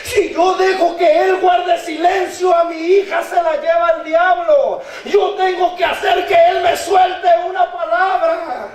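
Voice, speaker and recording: A man's voice: very high-pitched, little pitch movement, measured pace, few pauses, raised voice, some chatter behind, voice pushed up. A man preaching a sermon, voicing a desperate mother who pleads for help for her daughter. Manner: urgent, pleading. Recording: echoey church hall, from far off.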